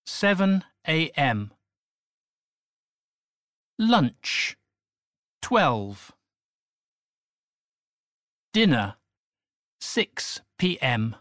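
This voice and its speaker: Woman reading word list, low-ish voice, lively swings in pitch, very slow. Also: no room sound, studio quality. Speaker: vocabulary reader. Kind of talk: reading single words for learners.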